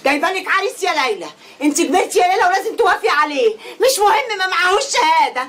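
A woman's voice: very high-pitched, very animated, very fast, fairly bright tone, heavily acted. An actress playing a bitter, tearful young Egyptian woman in a TV drama, with an Egyptian Arabic accent. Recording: dialogue over music score.

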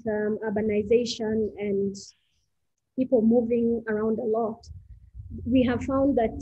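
A female architect from Kenya presenting a talk, unhurried, pausing often with "um". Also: fairly high pitch, breathy edge, no echo. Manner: unhurried, with many "um" pauses. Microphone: video call. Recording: dull, dry video call audio.

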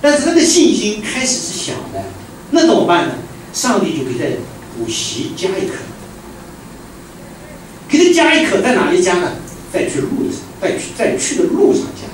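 A male pastor delivers an animated sermon, his pitch swinging widely and somewhat high. He moves from loud exclamations down to hushed, quiet lines. The recording is from a distant mic in a very echoey church hall, with clear background noise. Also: normal speed.

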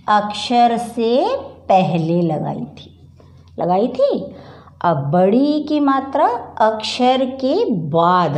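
Female teacher for a kids' lesson, very slow delivery, mellow tone, sounds out letters patiently. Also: on the high side, reverberant. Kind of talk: children's Hindi lesson.

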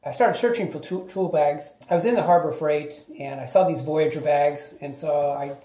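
A man's voice: on the high side, normal speed, dark tone, reverberant. A man casually reviewing a tool bag for his channel, chatty and rambling with lots of fillers, recorded at a table indoors. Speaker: YouTube DIY reviewer.

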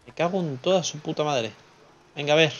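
A man's voice: fairly high pitch, brisk, a bit bright. A young man with a Spain Spanish accent, casually commenting on a game he plays, joking, swearing and muttering to himself. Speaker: streamer. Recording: slightly dull lo-fi sound with faint music.

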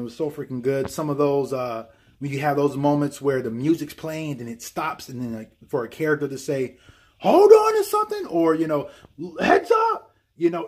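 A man casually recapping a film scene, excited and animated, full of fillers and restarts. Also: a little high, breathy edge. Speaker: film commentator.

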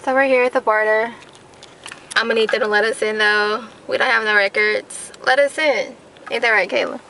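A woman's voice: on the high side, level tone, brisk, over music, rough recording. A young woman talking casually to her camera as a travel vlogger, chatty and full of "like" and "um". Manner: chatty, lots of "like" and "um". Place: outdoors in gardens and in a car. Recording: camera audio with clear outdoor noise.

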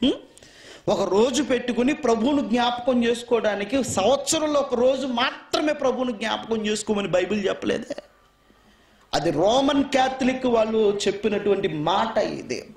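A very high-pitched male preacher from India delivers a sermon, pressing his listeners with one rhetorical question after another. His animated voice rings through an echoey room.

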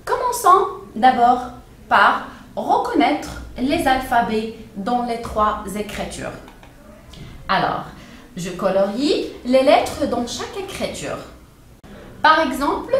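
A woman teaching young children to read, sounding out syllables slowly and with exaggerated care. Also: fairly high pitch, fairly bright tone, recorded from a distance. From Morocco. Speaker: primary school teacher. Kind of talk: children's reading lesson. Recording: very echoey room with faint ambient noise.

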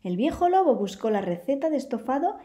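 A woman with a Spain Spanish accent reads a children's story aloud with expressive, lively delivery. Her voice sits high and has a soft, mellow tone. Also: brisk.

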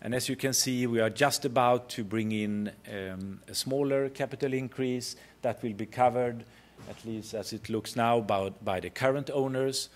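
A middle-aged man with a Swedish accent gives a company pitch at a conference podium, speaking haltingly with frequent pauses. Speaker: company chief executive presenting. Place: conference hall stage at a podium.

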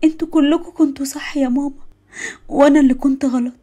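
A woman's voice: high-pitched, fairly even intonation, quick pace, mellow, lightly acted. A woman with an Egyptian accent voicing a heartbroken, emotional young woman in a storybook tale, tearful and pleading, fierce when angered. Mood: hurt. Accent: Egyptian Arabic. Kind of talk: storybook voice acting.

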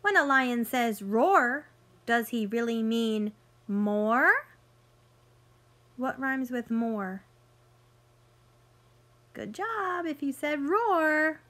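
A woman in her thirties with a voice on the high side reads a picture book aloud to young children in a teacherly way. She's expressive and sing-song, stopping now and then to ask simple questions.

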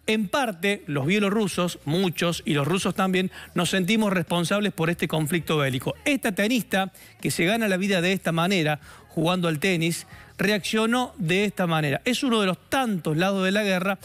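High-pitched Argentine male news anchor. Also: a bit bright. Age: middle-aged. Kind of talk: live news presenting. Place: indoor TV news studio.

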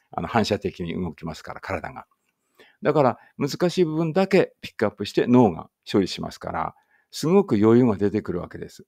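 In a clean studio recording without echo, a gravelly, low-voiced man teaching English leads phrase drills. His relaxed commentary accompanies slow, deliberate readings of each Japanese phrase followed by its English version.

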